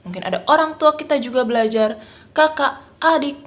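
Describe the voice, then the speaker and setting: A woman teaching a children's Bible lesson in an animated, playful way, acting out little voices. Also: high voice, a little fast. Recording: dull lo-fi recording.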